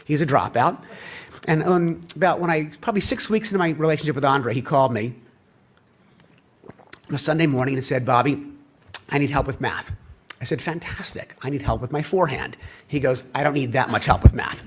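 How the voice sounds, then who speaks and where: Husky-voiced man giving a keynote. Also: a little high, a little fast, pauses often. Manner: animated storyteller acting out quoted dialogue. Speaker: keynote speaker. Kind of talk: conference keynote storytelling. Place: conference hall.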